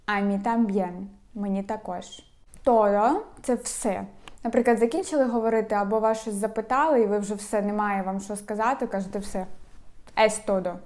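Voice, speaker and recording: A young woman with an upbeat manner who teaches a language lesson and repeats each phrase slowly so learners can follow. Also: on the high side, mellow. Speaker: Spanish teacher.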